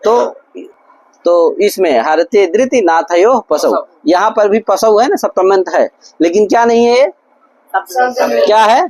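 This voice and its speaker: A man's voice: high voice, slow, a little mellow, no room sound, rough recording. A man teaching Sanskrit grammar in a classroom lecture, drilling his students with constant repeated questions. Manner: repetitive, drilling explanations. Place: gurukul classroom.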